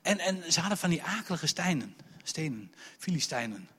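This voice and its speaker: A man preaching a sermon, telling the story in a lively, colloquial way. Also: on the high side, moderate pace, breathy edge, big-room sound. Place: church.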